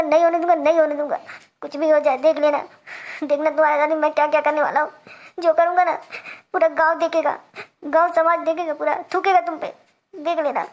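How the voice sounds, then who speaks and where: A performer voicing a jilted village man in a cartoon comedy, with an Awadhi accent, ranting, stammering and tearfully threatening his ex. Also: very high-pitched.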